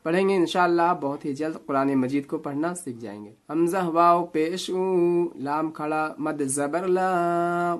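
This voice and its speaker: A man teaching Quran reading, spelling out letters and vowel marks syllable by syllable, with quick explanations. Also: on the high side. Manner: slow drawn-out syllable-by-syllable recitation between quick explanations. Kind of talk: spelling-out recitation lesson.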